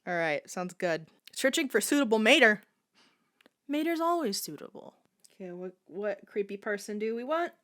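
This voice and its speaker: A young woman video creator giving sardonic, lively comedic commentary while testing an app, often laughing. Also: mid-range voice, fairly quick, few pauses.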